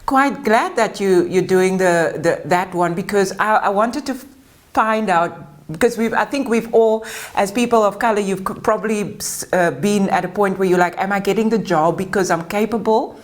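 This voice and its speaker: A woman's voice: medium pitch, normal speed. A woman hosting a webinar interview, chatty and hesitant, with many fillers. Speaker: webinar host.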